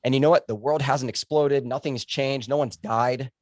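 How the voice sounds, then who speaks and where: A male physician talking as a podcast guest, quick and emphatic, with a joking streak. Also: mid-range voice, steady tone, dry recording, clean studio sound. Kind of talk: casual podcast conversation.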